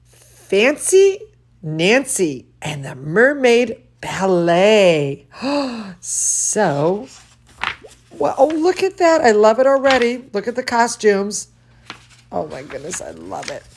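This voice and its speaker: A woman hosts a bedtime story livestream for children, reading a storybook and breaking off for chatty asides. She gushes and exclaims, speaking directly to young viewers and her pet, in a mid-range, very animated voice at a slow pace.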